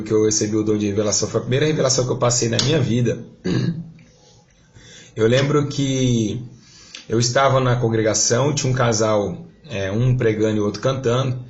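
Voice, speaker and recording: Brazilian pastor, male, gravelly voice, fervent testimony preaching, dull lo-fi recording. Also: mid-range voice. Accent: Brazilian Portuguese. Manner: fervent storytelling, voice rising in prayer.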